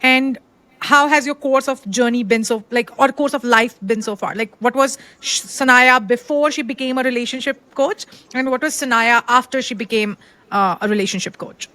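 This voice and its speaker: Female podcast host, fairly high voice, halting questions full of fillers, dry close sound. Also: no room sound. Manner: warm, hesitant questions with many fillers. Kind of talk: conversational podcast interview.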